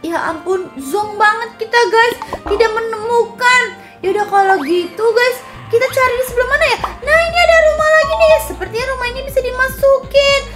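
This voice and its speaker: An excitable woman narrating her game to viewers in casual commentary. Her voice sits very high, and clear music plays behind her throughout. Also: fairly quick. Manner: excitable, chatty, addresses viewers. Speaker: gaming channel host. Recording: game video with background music.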